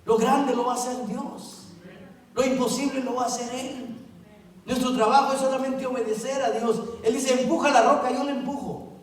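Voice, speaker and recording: A man's voice: very high voice, steady tone, normal speed. A middle-aged male pastor preaching a sermon, emphatic, repeating key words and putting questions to the congregation. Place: church sanctuary. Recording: echoey church hall, distant mic.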